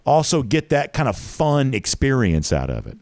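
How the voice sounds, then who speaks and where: A man with a medium-pitched voice hosts a casual interview. The sound is dry, and he talks in long, winding, conversational sentences as he builds up his questions. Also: wildly swooping pitch, normal speed, darkish tone, dry recording. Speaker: interview host.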